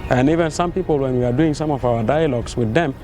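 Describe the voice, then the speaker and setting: A man from South Sudan, a youth delegate, speaking in a measured, hesitant way in an interview. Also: medium pitch, warm tone. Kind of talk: interview testimony. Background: music.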